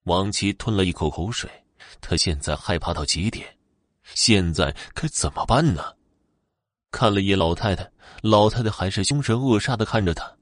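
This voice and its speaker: A man narrating a ghost story with an expressive, dramatic delivery. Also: low voice, moderate pace, dry recording, studio quality.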